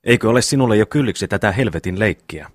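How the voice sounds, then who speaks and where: A man's voice: lowish voice, animated, dry recording, studio quality. Simeoni, a man reading a fretful pious brother. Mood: scolding.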